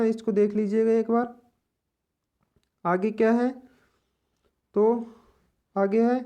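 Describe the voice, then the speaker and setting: A woman teaching an exam-prep lesson, explaining slowly and repeating each point in other words. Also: fairly high pitch, warm tone.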